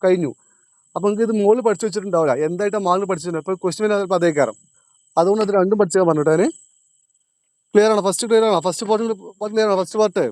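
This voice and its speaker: This is a classroom lecture from a high-voiced man whose tone is a little mellow. He repeats every point, tests his students with questions, and eases his pace on important terms, all in a dry space without echo.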